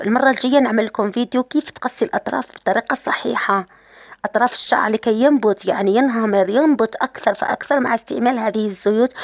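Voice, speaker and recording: A woman speaking with an Algerian Arabic accent walks through a home beauty routine at an even, mid-range pitch. She explains each step plainly and repeats the important ones. The recording is close and dry, with no echo from the room. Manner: explains step by step, repeats and rephrases key points. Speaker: hair care tutorial host. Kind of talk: casual how-to demonstration.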